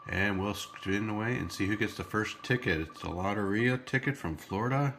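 Scratching tickets at his kitchen table, a lottery channel host chats and rambles to his viewers, his nose stuffed up. His lowish voice moves at a normal speed, with background noise in the recording.

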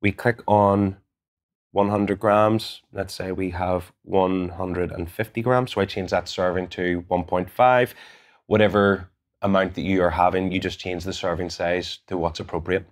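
A man in his thirties with a Northern Irish accent, calmly walking through an app tutorial step by step, recorded on a lapel mic in a gym studio. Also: sits low, unhurried. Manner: calm, methodical, instructive. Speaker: gym coach. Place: gym studio in front of a branded backdrop.

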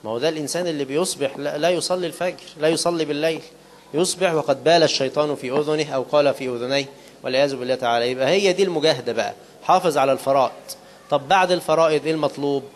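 Fast-talking Egyptian preacher, fairly high voice. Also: male voice. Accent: Egyptian Arabic. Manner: fast colloquial preaching, slowing to recite quoted scripture; asks the listeners rhetorical questions and answers them himself. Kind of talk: sermon.

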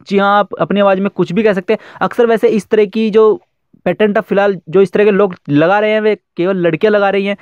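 A young man hosts a casual phone-app tutorial in a high, clear voice. He talks quickly and chattily, stringing steps together with fillers. The recording is dry and a little muffled. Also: dry recording. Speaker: YouTube tech tutorial host.

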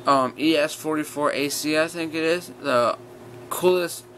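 In a voice on the high side and a bit slow, a young man in his teens or young adulthood rambles bluntly through a casual rant for his viewers, words slightly slurred by a retainer. He's sitting on the bed in a small bedroom, captured by a built-in device mic at arm's length amid a steady fan hum and bedroom ambience.

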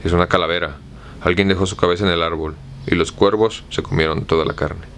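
A man with a Mexican accent reading the part of a simple, fearful male servant in an audiobook, in a slow, plain way. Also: low voice, fairly even intonation, fairly bright tone, slight background noise. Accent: Mexican Spanish.

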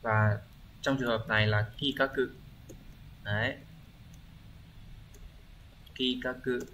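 Male teacher, mid-pitched voice, explanatory lesson, often checks with students, faint background hiss. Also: fairly even intonation, slow pace, pushed and bright. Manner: explanatory, frequent checking questions. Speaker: Japanese teacher. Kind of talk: exam review lesson.

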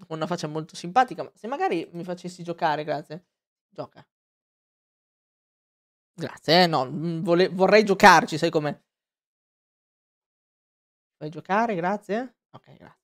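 A man's voice: fairly high pitch, clean tone. Rambling, foul-mouthed game streamer man. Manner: rambling, swears, jokes. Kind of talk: casual let's-play commentary.

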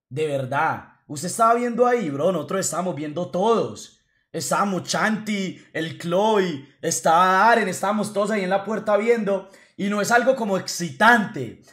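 A man's voice: sits high, fairly bright tone. A young man, chatting brashly on a stream with profane slang. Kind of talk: casual stream chat.

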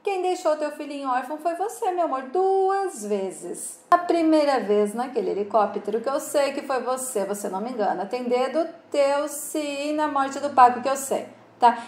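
A woman's voice: sits high, a little mellow. A woman voicing a cruel, scheming man who taunts with condescending endearments, in a roomy recording. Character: scheming smooth-talking male villain, cruel and mocking. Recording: roomy echo.

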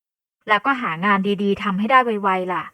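A woman's voice: mid-range voice, normal speed, bright, forceful tone, no room sound, close to an everyday voice. A woman voicing a blunt, hardworking older sister in an audio novel, speaking curtly and matter-of-factly. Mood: gruff. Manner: curt, gruff and matter-of-fact. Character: blunt hardworking older sister, a young woman who runs a porridge shop.

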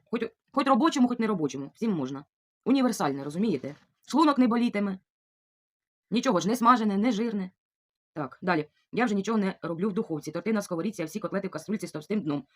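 A middle-aged woman from Ukraine chatting casually in a vlog, reading out viewer comments and thanking each one again and again. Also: on the low side. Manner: warm, chatty, repeats thanks over and over. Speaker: vlogger answering viewer comments. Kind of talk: casual chat.

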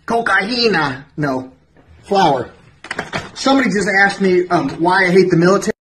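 A man in his thirties giving an absurd comedy monologue, moving from flat deadpan remarks to frantic screaming. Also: sits high, normal speed, background noise. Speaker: comedic vlogger.

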